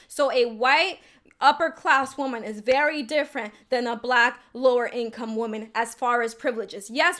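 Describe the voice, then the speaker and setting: Young woman commentator from the Dominican Republic with a high, bright-sitting voice; chatty, filler-heavy reaction delivery. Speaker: video commentator.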